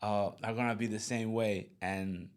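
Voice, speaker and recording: Eager Venezuelan host, stumbling friendly. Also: male voice, fairly low pitch, fairly even intonation, smooth. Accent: Venezuelan Spanish. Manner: enthusiastic, halting, repeats words. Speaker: podcast host. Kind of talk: casual interview chat.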